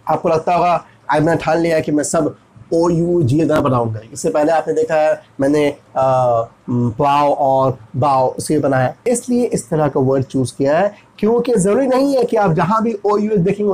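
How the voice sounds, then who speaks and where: A man's voice: on the high side, darkish tone, rough recording. A man with an Indian accent teaching English pronunciation in Hindi, asking and answering his own questions as he spells words out letter by letter. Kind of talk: explaining lesson.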